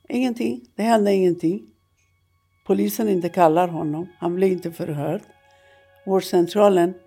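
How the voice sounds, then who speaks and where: Hushed gravelly woman giving painful testimony. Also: lowish voice. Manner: halting, slow, pained and hushed. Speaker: interviewee recounting abuse. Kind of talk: emotional personal testimony.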